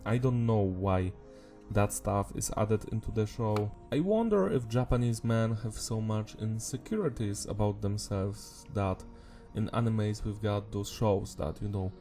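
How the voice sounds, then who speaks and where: A man's voice: fairly low pitch, a little slow, dark tone, faint music behind. A man with a sore, sick-sounding swollen throat giving casual, rambling, informal commentary as a video host. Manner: informal, mild swearing. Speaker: anime review video host.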